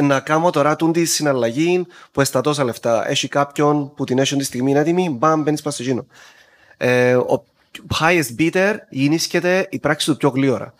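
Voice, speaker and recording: A man with a Cypriot Greek accent explaining things in a casual conversation, dropping English terms into his informal speech. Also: on the high side. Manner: mixes English tech terms into informal Greek, acts out small examples.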